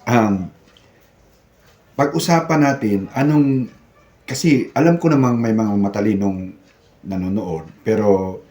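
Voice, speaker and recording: A man's voice: lowish voice, a little mellow. Echoey older man, missing front teeth. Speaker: vlogger, retired security guard. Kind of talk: casual vlog chat. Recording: echoey room sound.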